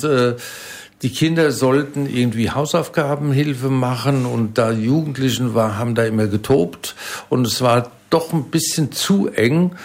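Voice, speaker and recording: A man's voice: mid-range voice, vocal fry. A man hosting a casual talk, speaking hesitantly with many fillers. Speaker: host. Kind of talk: casual chat.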